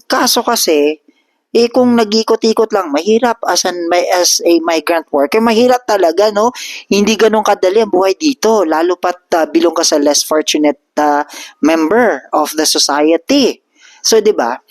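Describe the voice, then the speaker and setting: A man in his vlog, recounting a street encounter with lively, mid-range energy. The sound is dry and close, with no room around it. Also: high voice, no echo. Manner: animated, switches between Tagalog and English. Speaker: vlogger. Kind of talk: casual storytelling.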